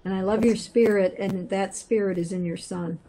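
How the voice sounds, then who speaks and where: Woman, affirming panelist, mellow tone, faint noise behind. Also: medium pitch, fairly even intonation, normal speed, low-quality recording.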